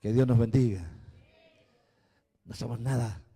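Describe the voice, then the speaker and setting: A man, a bishop preaching a sermon, who swings from quiet, slow passages to shouted emphasis. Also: medium pitch, steady tone, husky. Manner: spells out words slowly.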